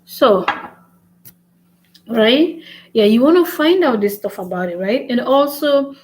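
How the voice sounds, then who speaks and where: A woman's voice: fairly high pitch, animated, takes it slowly, a little mellow, a little hiss or hum, rough recording. A woman teaching French in a casual video lesson, chatty and repetitive, often checking in with "right?". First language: English. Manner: chatty, repeats "right?" often, writes on a board.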